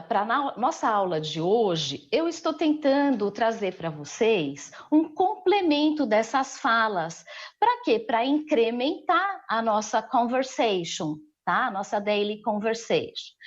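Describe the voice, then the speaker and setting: A Brazilian woman teacher explains an English lesson slowly and with care, often pausing to check that her students follow. Her voice sits a little high and comes through somewhat dull and lo-fi. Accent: Brazilian Portuguese. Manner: patient, explanatory, frequent "né?" check-ins. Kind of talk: remote class lesson.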